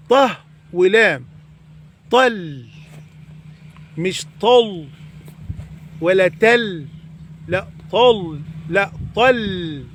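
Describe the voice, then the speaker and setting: A man with an Egyptian accent teaching correct Quran recitation, stretching out example words slowly and then explaining quickly. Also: high-pitched, a little hiss or hum. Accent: Egyptian Arabic. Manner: slow drawn-out demonstration recitation between quick explanations. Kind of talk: tajweed lesson correcting recitation mistakes.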